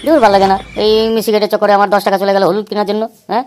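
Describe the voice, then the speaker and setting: Woman voicing rapid bossy cartoon boy Futo. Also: medium pitch, level tone, noisy background, natural voice. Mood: scornful. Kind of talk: cartoon comedy voice acting.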